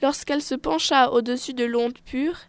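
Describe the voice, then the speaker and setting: A woman tells a fairy tale with expressive, measured pacing. Her voice sits high and bright in pitch, and the recording is dry and close with no room sound. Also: no room sound. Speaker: storyteller.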